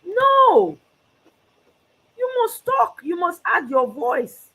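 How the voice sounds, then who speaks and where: Her voice is very high and a little bright, swinging widely in pitch while she talks extremely slowly. A Nigerian woman abroad, she hosts her own channel of solo political commentary, passionately shifting between English and Pidgin, all on poor-quality audio.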